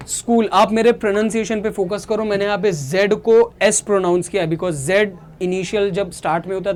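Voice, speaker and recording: A man's voice: sits high, darkish tone. A man from India teaching a beginner language lesson, explaining patiently and often checking whether students have understood. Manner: slow, drilling words by repetition. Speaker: German teacher.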